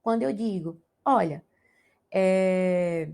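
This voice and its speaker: A woman's voice: on the low side, takes it slowly, vocal fry, warm tone. A young woman from Brazil, a Portuguese teacher, giving an exam-prep grammar lesson with a Brazilian accent and checking in with the class as she explains. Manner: explanatory, asks the class to check in with tag questions.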